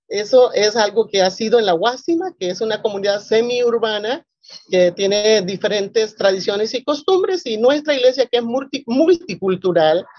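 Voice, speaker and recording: A woman's voice: on the high side, a little mellow, no room sound. Woman from Colombia, pastor, earnest, fillers, dry sound, muffled. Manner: earnest, rambling with many fillers. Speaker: presbyterian pastor. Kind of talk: panel discussion.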